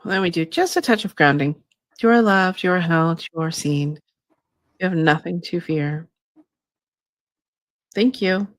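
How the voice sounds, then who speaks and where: A woman channeling a gentle female spirit guide, speaking slowly and soothingly as she leads an energy clearing. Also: lowish voice, no echo, studio quality, natural voice. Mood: reassuring. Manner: slow, soothing, measured delivery.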